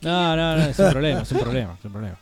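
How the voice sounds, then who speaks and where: A man with an Argentine Spanish accent, co-hosting a radio show in casual, relaxed chat, telling stories and trailing off softly. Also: mid-range voice, racing.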